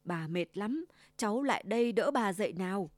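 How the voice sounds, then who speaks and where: A woman voicing a sly old male wolf who growls his plans and then fakes a soft, trembling granny voice, in a storybook reading. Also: mid-range voice, animated, moderate pace, no room sound, lightly acted. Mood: fake sweet.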